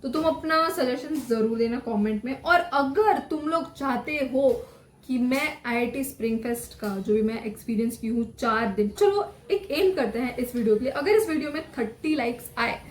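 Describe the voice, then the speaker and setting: Young woman vlogger, lively storyteller, high voice, echoey room with faint hum. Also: moderate pace. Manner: lively, animated, self-mocking; says her voice is normally loud. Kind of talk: casual storytelling vlog.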